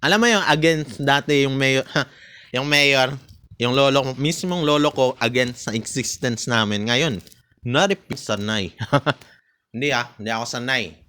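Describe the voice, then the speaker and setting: A man's voice: medium pitch, unhurried, bright, forceful tone, smooth. Taunting man ranting. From Philippines. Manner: bitter, taunting, mixes Tagalog with English, laughs between jabs. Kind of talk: casual ranting monologue.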